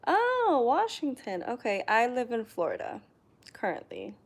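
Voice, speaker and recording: Speaking a little slowly, this young woman from New York has a slightly high voice whose pitch swoops wildly. She vlogs from her living room, reading live chat comments in a relaxed, hesitant way full of ums, captured by a tripod-mounted camera.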